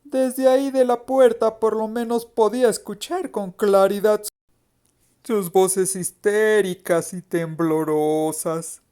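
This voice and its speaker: Slow expressive woman storyteller. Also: mid-range voice. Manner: slow, expressive, suspenseful reading. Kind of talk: storybook narration.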